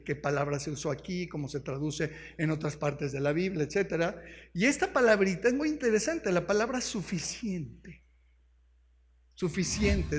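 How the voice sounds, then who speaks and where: A Mexican pastor with a notably high voice delivers a sermon. He keeps turning to the congregation with questions and walks through word meanings one by one. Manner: explains words step by step.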